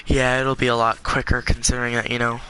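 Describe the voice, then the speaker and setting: A man's voice: mid-range voice, completely flat delivery, fast talker, bright, forceful tone, clean tone, rough recording. A congested young man giving rambling, filler-heavy casual commentary while playing a game. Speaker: gaming YouTuber.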